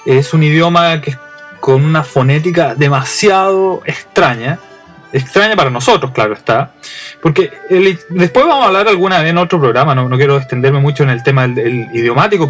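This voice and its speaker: Chilean male host, young adult, a bit high-pitched, loose humorous storyteller. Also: a bit bright. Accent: Chilean Spanish. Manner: chatty and humorous, frequent restarts and fillers. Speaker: podcast host. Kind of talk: casual storytelling monologue.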